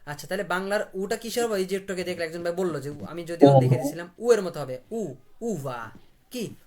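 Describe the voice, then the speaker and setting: A man teaching a live online language class over a video call, repeating words slowly and breaking them into syllables. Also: high voice, animated, warm tone.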